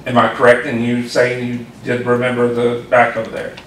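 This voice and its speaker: A police chief confronting an official at a city council meeting, firm and direct, sometimes reading policy text aloud. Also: male voice, medium pitch, completely flat delivery, moderate pace, a bit bright. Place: council chamber. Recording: echoey hall, distant, faint noise.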